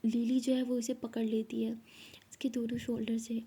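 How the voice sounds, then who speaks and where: A young woman narrating a love story in a casual way, speaking the characters' lines herself and often dropping to a soft whisper. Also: on the high side, level tone, normal speed, breathy edge. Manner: acts out both girls' lines in her own voice, often whispering softly.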